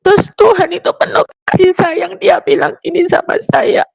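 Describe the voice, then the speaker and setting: A middle-aged woman, telling a personal testimony in an animated, emotional way. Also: very high-pitched, normal speed, creaky, dry recording, muffled recording. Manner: animated, acts out the people she quotes.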